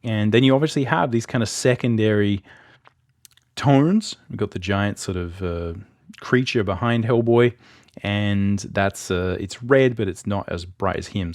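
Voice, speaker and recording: Man, low voice, art instructor, relaxed commentary, lots of fillers, dry voice-over. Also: no echo. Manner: loose and conversational, with many fillers and restarts. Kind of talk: casual explanatory commentary over images.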